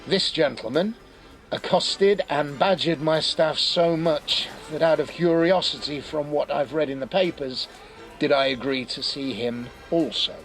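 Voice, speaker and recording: A man's voice: a little high, unhurried, a bit bright, soft background music, rough recording. A man playing a dry, formal, businesslike amusement park owner.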